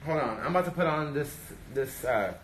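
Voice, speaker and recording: A young man doing sassy drag sounds animated and fairly quick, his voice on the high side and a bit bright as he chats and banters playfully on livestream. He streams from a handheld or propped phone indoors, in a backstage hallway, an elevator and a dressing room. The sound is echoey and noisy.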